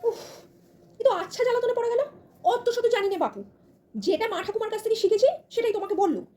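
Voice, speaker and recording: Woman doing a nagging high-pitched mother-in-law. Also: expressive, brisk, mellow. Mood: scolding. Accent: West Bengal Bengali. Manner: nagging, scolding, exasperated. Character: bossy old-fashioned Bengali mother-in-law, scolding. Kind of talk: comedy skit role-play.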